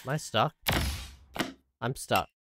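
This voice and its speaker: A man's voice: mid-range voice, slow pace, very noisy. A man doing let's-play game commentary, bewildered and stammering through his exclamations. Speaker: gaming commentator.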